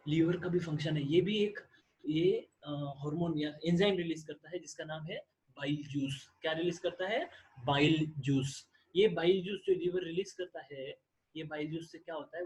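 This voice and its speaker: A man with a somewhat high voice gives a classroom lecture. He keeps posing questions to his students, answers them himself, and repeats the key words for emphasis. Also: a little hiss or hum. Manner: mixes in English terms. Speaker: teacher.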